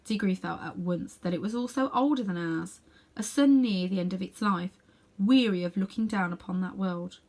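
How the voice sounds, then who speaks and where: A woman narrating a children's story aloud in an expressive storytelling style. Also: mid-range voice, moderate pace. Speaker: storybook reader.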